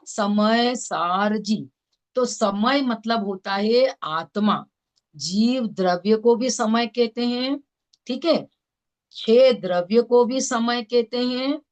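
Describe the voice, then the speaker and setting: A woman's voice: a little high, muffled recording. Indore hindi lady teaching a scripture class, homely examples, keeps asking if you follow. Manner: explains with homely examples, often checks understanding. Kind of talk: religious scripture lesson.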